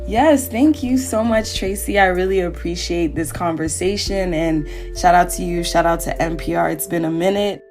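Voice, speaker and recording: A woman's voice: lowish voice, moderate pace, few pauses, a little mellow, soft background music. A woman guest in an interview, explaining at length in a thoughtful, conversational way with frequent fillers. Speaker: podcast guest.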